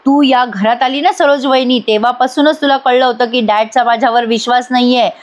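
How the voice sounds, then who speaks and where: A woman's voice: a little high, fairly even intonation, a little fast, close to an everyday voice. A woman voicing a bitter, scheming woman who speaks in sarcastic accusations.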